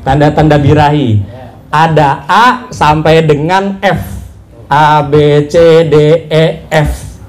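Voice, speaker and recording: A man's voice: on the high side, steady tone, takes it slowly. A man giving a patient, step-by-step lecture to farmers on livestock breeding, often turning to his listeners directly. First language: not Javanese. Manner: patient, addresses listeners as "Pak", spells out points step by step.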